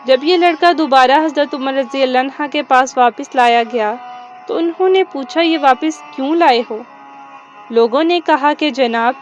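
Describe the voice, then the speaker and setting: A woman with a high voice reads a religious tale as scripted narration. Her delivery is formal and reverent, and soft music plays faintly behind her.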